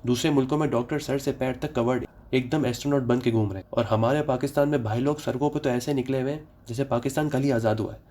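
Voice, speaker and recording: A young man from Pakistan fires off sarcastic jokes at a brisk clip, his voice dark and mellow. He later turns to steady public health advice in the same quick delivery. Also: mid-range voice. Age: young adult. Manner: sarcastic rapid-fire jokes. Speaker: comedy vlogger. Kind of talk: comic monologue then public health advice.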